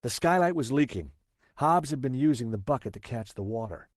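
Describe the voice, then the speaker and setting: A man's voice: mid-range voice, expressive, a little fast, no room sound, studio quality, natural voice. An actor playing a wry amateur sleuth, narrating his observations as video game voice-over.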